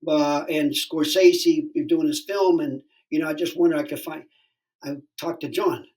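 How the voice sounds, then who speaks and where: Speaking a little high at a moderate pace, a stand-up comedian in his sixties tells a story as a podcast guest over poor audio. He's animated and profane, rambling with plenty of fillers and restarts in a casual storytelling interview.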